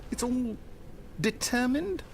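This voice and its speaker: A pompous British game narrator. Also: male voice, very high voice, lively intonation, takes it slowly, gravelly, slight background noise, exaggerated voice. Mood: distraught. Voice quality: theatrical, wordy, grandly dramatic. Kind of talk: scripted video game narration.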